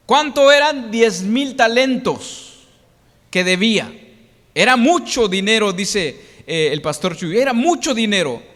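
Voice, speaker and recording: A man's voice: high voice, fairly bright tone. A man preaching a sermon, reading scripture and explaining it plainly to the congregation with frequent restarts. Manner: reads scripture aloud and explains it in plain words; addresses the congregation directly, many restarts. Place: church hall. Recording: long reverb of a church hall.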